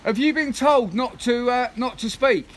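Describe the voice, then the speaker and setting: Brief: insistent man confronting intruders, very high voice, phone recording with steady noise behind. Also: moderate pace. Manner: firm, insistent, repeats legal warnings. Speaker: property occupier confronting bailiffs.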